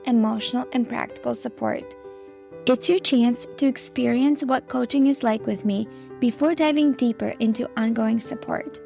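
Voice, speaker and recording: A creaky voice on the high side with a darkish tone carries this solo podcast, where a Latvian-born woman in her thirties, Russian being her first language, coaches moms on anger. She keeps things casual, earnest, chatty and encouraging.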